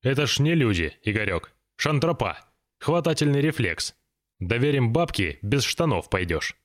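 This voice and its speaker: A man voicing a gruff, irritable businessman boss who talks bluntly and coarsely in an audiobook reading. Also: mid-range voice, sing-song, moderate pace, close to an everyday voice. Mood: scolding.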